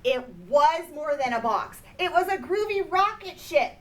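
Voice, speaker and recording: This storybook reader is a woman with a high, animated voice who takes her time as she reads a children's picture book expressively, stretching out key words for emphasis. The mic is distant and picks up faint background noise.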